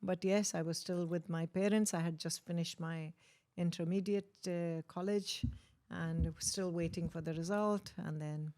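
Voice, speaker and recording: Low-pitched Indian-accented woman, emphatic and repetitive. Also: fairly even intonation, moderate pace, mellow. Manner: emphatic, repeats words and short phrases. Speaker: interview guest, author. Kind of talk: reminiscing in a conversational interview.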